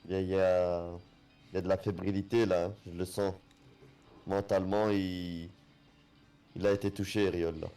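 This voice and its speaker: A man's voice: sits low, flat delivery, normal speed, pauses often, dark tone. A man giving casual sports commentary on a video game match, repeating names and phrases for emphasis. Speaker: esports co-commentator. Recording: faint music underneath.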